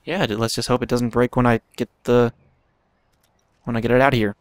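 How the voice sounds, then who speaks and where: A man's voice: mid-range voice, dry recording. A man giving casual, chatty commentary over his own video game play, talking to himself. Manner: chatty, self-talking, quick bursts when excited. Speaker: gaming channel host.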